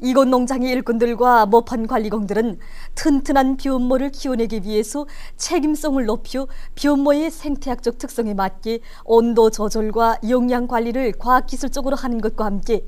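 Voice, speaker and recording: A woman's voice: a little high, steady tone, moderate pace, a little mellow. A woman with a North Korean accent reading scripted news as an announcer in a formal, declamatory way.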